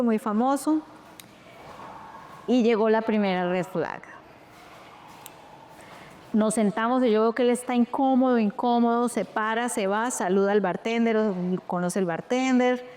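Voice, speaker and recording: A Colombian woman, an interview guest, retelling a painful personal story in a lively, animated way with quoted dialogue. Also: on the high side, slight background noise.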